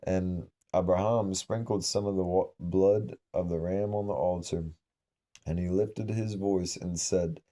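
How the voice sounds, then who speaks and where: Solemn male scripture reader, low pitch, very mellow dark tone, measured pace with small slips. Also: steady tone. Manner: measured, solemn reading with occasional slips and restarts. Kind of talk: reading aloud from an old scripture.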